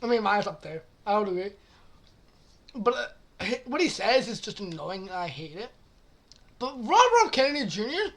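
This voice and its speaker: A woman's voice: medium pitch, sing-song, moderate pace, pauses often. Giggly, foul-mouthed woman commentator. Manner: giggly, crude and profane, often apologizing. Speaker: channel host reading forum posts. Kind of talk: casual reaction commentary.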